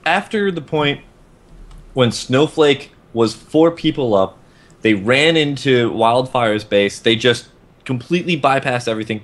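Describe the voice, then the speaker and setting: A man co-hosting a casual gaming podcast, talking in a rambling way and often restarting his sentences. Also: mid-range voice. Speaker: podcast co-host.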